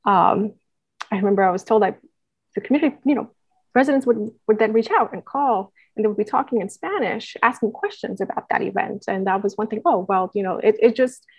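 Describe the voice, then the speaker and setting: A Puerto Rican woman who works for a nonprofit is a guest answering interview questions earnestly, with many fillers and restarts. Her mid-range voice is slightly rough and fairly quick. The recording has no room sound, and the highs are cut off.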